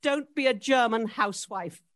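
A woman's voice: fairly high pitch, moderate pace, fairly bright tone. A woman giving an impassioned, urgent public comment at a county board meeting.

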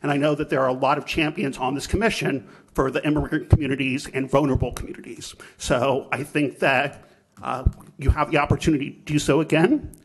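Man speaking flatly at a public hearing. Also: mid-range voice, breathy edge. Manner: measured, polite advocacy. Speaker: public commenter. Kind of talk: public comment at a budget hearing. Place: county commission chamber.

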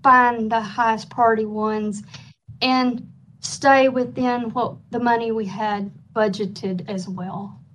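A woman's voice: on the high side, fairly even intonation, takes it slowly, a bit bright, slight background noise, poor audio. A woman staff presenter explaining and answering questions at a formal meeting.

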